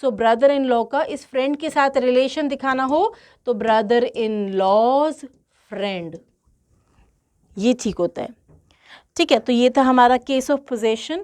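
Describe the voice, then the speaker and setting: Slow-speaking woman teaching grammar. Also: sits high, darkish tone. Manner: slow, deliberate, repeats key points and asks rhetorical questions. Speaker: English grammar tutor. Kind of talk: grammar lesson mixing Hindi and English.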